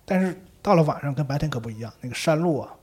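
Male podcast host telling a ghost story at top speed, voice on the husky side, lively and animated. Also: a little high, racing. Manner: animated, acts out the characters. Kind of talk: casual storytelling.

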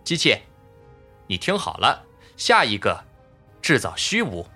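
A man's voice: mid-range voice, huge pitch swings, measured pace, pushed and bright, faint music behind, full character voice. An actor playing a smug, argumentative male robot constructor in an audiobook, with a needling, lecturing tone. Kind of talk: audiobook character voice.

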